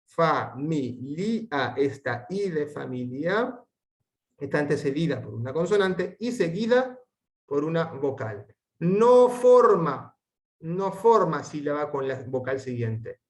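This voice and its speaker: A man gives a recorded Latin lesson, reading aloud and drilling pronunciation one syllable at a time. His voice sits a little high for a man. He speaks slowly and takes his time over each sound. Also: expressive, darkish tone. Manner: slow, careful spelling out of syllables and sounds; reads the Latin text aloud deliberately. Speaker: Latin teacher.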